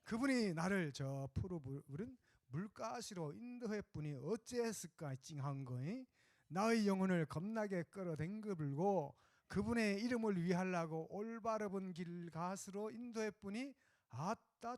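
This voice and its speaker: A man's voice: high voice, animated, unhurried, a little mellow, no room sound, pitched above the performer's own voice. A man putting on a drawling Jeolla country speaker. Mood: hearty. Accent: Jeolla dialect. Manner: drawling, exclamatory, homespun. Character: hearty drawling Jeolla man reciting a psalm. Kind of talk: sermon illustration, dialect recitation.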